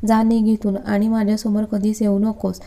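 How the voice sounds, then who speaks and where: A woman's voice: mid-range voice, completely flat delivery, normal speed, warm tone, natural voice. A woman reading the lines of a stern, short-tempered young businessman in a storybook love story, curt and commanding. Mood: angry.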